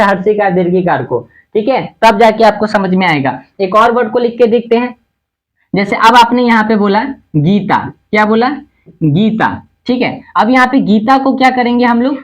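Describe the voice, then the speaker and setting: A man teaching a lesson at a board, who asks his own questions, answers them, and spells words out slowly letter by letter. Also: high-pitched. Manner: repetitive and patient, checks understanding often. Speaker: spoken English teacher.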